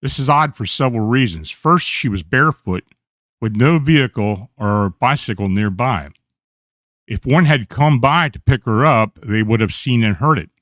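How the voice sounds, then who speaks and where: Male radio host reading strange tales aloud, even storytelling delivery, dead-dry mic. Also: mid-range voice, normal speed, dry recording. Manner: steady reading with small slips and self-corrections. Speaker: radio show host reading paranormal accounts.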